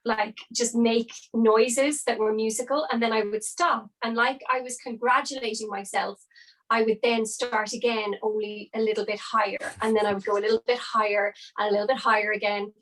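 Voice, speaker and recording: A woman's voice: a little high, fairly bright tone, rough recording. A woman with an Irish Midlands accent chatting casually as an interview guest, peppering her talk with "like" and "you know". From Longford, Irish Midlands. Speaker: podcast guest, opera soprano.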